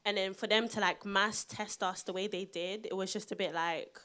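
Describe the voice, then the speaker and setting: A woman's voice: mid-range voice, steady tone, normal speed, bright, forceful tone. A young woman of seventeen with a South London accent, chatting casually and slangily as a youth podcast co-host. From South London, England. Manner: informal, slangy, frequent "like". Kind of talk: casual live panel chat.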